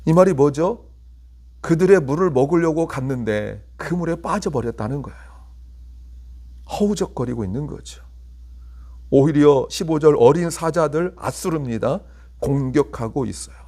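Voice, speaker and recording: A man preaching a sermon as pastor, asking the congregation rhetorical questions, building to emphatic peaks and then falling low, and turning soft and slow when he leads prayer.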